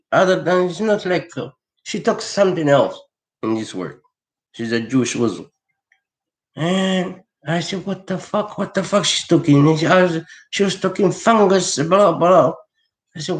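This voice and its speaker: A man delivering a rambling, profane, heated monologue, often repeating words as he searches for them. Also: fairly high pitch. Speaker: vlogger. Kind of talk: unscripted monologue rant. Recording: echoey room.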